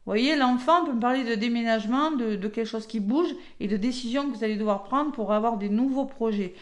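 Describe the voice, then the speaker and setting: A tarot card reader gives a casual weekly reading in an echoey room, chatting straight to her viewers. She peppers her talk with "hein" and "d'accord," speaking a little fast in a voice on the high side.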